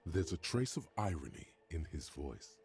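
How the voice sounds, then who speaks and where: An actor voicing a game's male narrator, deep and gravelly, with a husky, wry, ominous delivery over faint music. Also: sing-song, moderate pace, a little mellow, full character voice. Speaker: game narrator.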